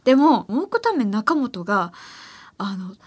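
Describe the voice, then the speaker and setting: A woman's voice: medium pitch, big pitch swings, normal speed, slightly rough. A young woman hosting a late-night radio show, chatting casually in a playful, teasing way and laughing often. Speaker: radio host. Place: radio studio.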